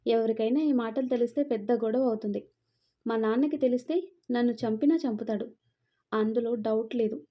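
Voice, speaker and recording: A woman narrating an audio story in a steady, expressive reading. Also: on the high side, a little fast.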